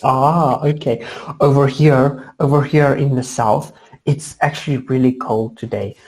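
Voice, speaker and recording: A woman's voice: extremely low pitch, fairly even intonation, measured pace, a little mellow, slight background noise. A woman from South Africa with a South African accent, tutoring English in a chatty, upbeat way over a video call, often saying "alrighty". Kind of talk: online lesson chat.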